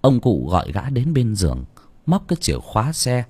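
Husky, lively male audiobook narrator. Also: medium pitch, moderate pace, no echo. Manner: expressive, lively storytelling. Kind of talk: storytelling narration. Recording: dry close mic with faint background music.

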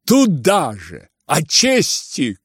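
A sullen young man snaps back at his father in a spoken-word novel, played by a male reader. His lines come slow and cutting, rising sharply on the taunts, in a dry, close sound. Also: a little high, wildly swooping pitch, a bit bright, husky, dry recording, pitched above the performer's own voice, heavily acted. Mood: bitter. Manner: bitter, sneering outbursts.

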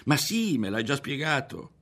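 A man's voice: medium pitch, very animated, normal speed, fairly bright tone, pitched above the performer's own voice. A man reading an audiobook voices a keyed-up teenage boy who answers impatiently. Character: anxious, excitable teenage boy.

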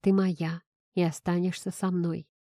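A brooding, possessive young man, voiced by a woman reading a romance audiobook. His lines come low and purring with a quiet menace, and the tone is dark and mellow. The recording is dry and close. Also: flat delivery, a little slow, no echo. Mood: commanding.

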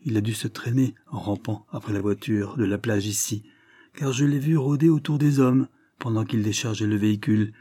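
A man's voice: lowish voice, normal speed, warm tone, no room sound, studio quality, lightly acted. A man voicing a worried, deferential butler who apologizes and protests earnestly. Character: anxious middle-aged male butler, deferential.

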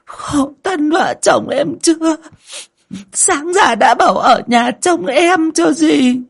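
A man voicing a scheming village stepmother who wails crocodile tears in a shrill falsetto with drawn-out sobbing cries. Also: animated, gravelly, heavily acted. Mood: fake wailing.

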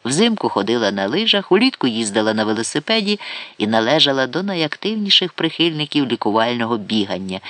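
A man narrating satirical prose for an audiobook in a measured, wry reading voice. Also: mid-range voice, fairly bright tone, dry recording.

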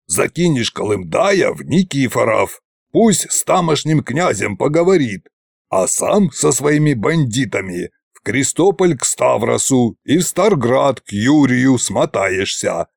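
Gruff old tsar barking orders slow and heavy, man doing the voice, lively pitch swings. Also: dry recording, studio quality, heavily acted. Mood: commanding. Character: stern old male tsar Koschei, gruff commander.

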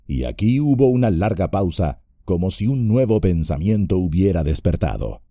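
A man with a low, very dark and mellow voice reads a fantasy audiobook. His narration is measured and expressive, and his delivery rises and falls with lively pitch. The sound is close and dry. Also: dry recording.

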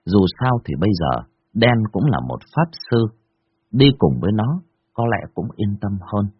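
A man narrating a folk ghost story in an expressive, dramatic way. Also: fairly low pitch, moderate pace, breathy edge, phone-quality sound.

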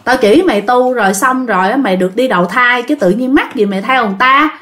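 A woman's voice: on the high side, fast, a bit bright, lightly acted. A woman voicing a stern female spirit medium who bluntly threatens a ghost.

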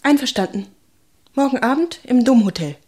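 A woman's voice: high-pitched, animated, normal speed. A woman playing a self-possessed young typist in a radio play, cool and businesslike. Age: young adult.

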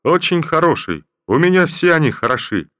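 A man's voice: on the high side, very animated, moderate pace, a bit bright, no room sound, clean studio sound, pitched above the performer's own voice. A man reading an audiobook voices a proud army captain who answers his general in a confident, self-assured tone.

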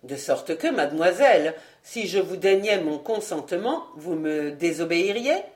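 A blustering, scheming nobleman father in a storybook reading, gruff and sarcastic, his words pitched lower and pushed louder than the narration, as a woman reader puts him on. He swings into booming outbursts. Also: animated, normal speed, natural voice.

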